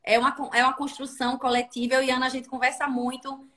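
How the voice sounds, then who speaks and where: Appearing on a livestream as a guest labor inspector, this Sergipe-born woman speaks with a northeastern Brazilian accent from that state. She explains things animatedly, like a teacher, stopping frequently to make sure her audience keeps up, in a bright voice that sits fairly high.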